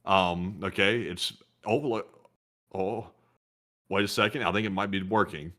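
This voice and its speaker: A man's voice: low-pitched, steady tone, measured pace, pushed and bright. A man co-hosting a live stream, chatting casually in a jokey, rambling way. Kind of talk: casual livestream chat.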